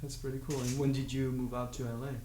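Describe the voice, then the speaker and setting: A woman hosting a podcast interview, asking short questions with soft, encouraging interjections. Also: rumbling low, level tone, fast talker. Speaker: podcast host. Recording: echoey room with clear crowd noise.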